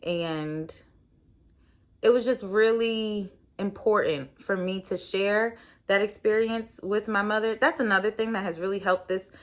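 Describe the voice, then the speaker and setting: A woman's voice: medium pitch, steady tone, unhurried. A woman in her thirties, a podcast host, telling a personal story in a candid, reflective way, with many fillers.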